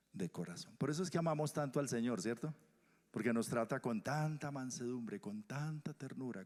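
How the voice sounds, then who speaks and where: A male pastor from Colombia preaching a sermon, swinging from loud emphasis to hushed whispers. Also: medium pitch. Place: church hall. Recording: church hall reverb.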